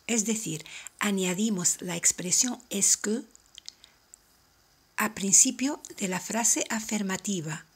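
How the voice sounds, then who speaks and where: Slow, breathy woman teaching a language. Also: medium pitch. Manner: slow, deliberate explanations, repeating each point in two languages. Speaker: French teacher. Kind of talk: bilingual language lesson.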